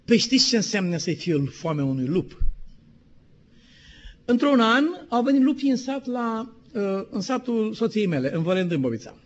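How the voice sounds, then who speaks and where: A middle-aged man from Romania, a pastor preaching a sermon and telling stories, who slows down for quotations and asks the congregation questions. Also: high voice, big pitch swings. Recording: dull lo-fi sermon recording.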